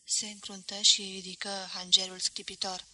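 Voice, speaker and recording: A woman reading a literary novel aloud as an audiobook, steady and expressive. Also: medium pitch, no room sound. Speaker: audiobook reader.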